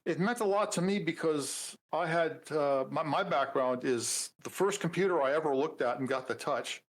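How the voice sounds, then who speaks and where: A man in his seventies, a programmer guest in a casual interview, talking in a relaxed way with dry humor and many fillers. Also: a little high, normal speed, low-quality recording. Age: 70s.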